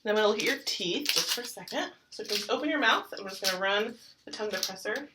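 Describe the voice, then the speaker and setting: A young woman, a student clinician, explaining a practice oral exam in a gentle, reassuring way with many fillers. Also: mid-range voice, animated, fast talker. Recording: distant mic with faint hiss.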